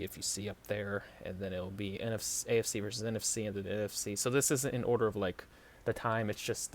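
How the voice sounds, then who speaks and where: Talking football predictions on his podcast, a New York-accented man speaks casually and haltingly, full of fillers and restarts. His voice is lowish, with slight background noise.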